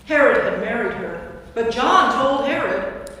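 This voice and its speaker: A woman playing the narrator, a priest, gives a scripted, dramatic reading of scripture as part of a staged performance in a large indoor church. Her voice is on the high side, expressive, pushed and bright, at a measured pace, recorded from far off in an echoey hall.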